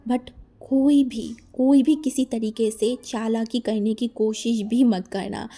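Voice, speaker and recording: A woman voicing a male gang member who gives a quiet, stern warning. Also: fairly high pitch, steady tone, slow. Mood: threatening. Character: male kidnapper, threatening and stern.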